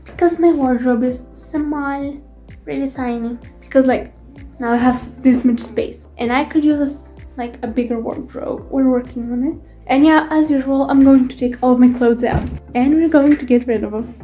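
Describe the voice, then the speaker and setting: A woman's voice: high voice, steady tone, normal speed, mellow, faint music behind. A woman in her twenties chatting casually as a vlogger, rambling and poking fun at herself. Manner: chatty, rambling, self-deprecating. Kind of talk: casual vlog chat.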